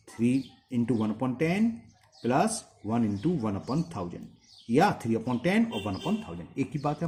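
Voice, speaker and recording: A man teaching a maths lesson, asking quick questions and answering them himself as he repeats each step. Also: mid-range voice, darkish tone, a little hiss or hum. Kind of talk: blackboard-style maths lesson.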